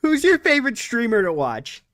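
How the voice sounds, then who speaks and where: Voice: medium pitch, huge pitch swings, normal speed, a bit bright. Giggly young stream host. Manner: giggly, laughs often. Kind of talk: casual chat.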